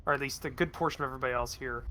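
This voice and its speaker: A man's voice: medium pitch, steady tone, rapid-fire, sharp tone. A man as game master in a voice call, explaining things in a rambling, self-correcting way. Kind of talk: casual game chat. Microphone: voice call microphone.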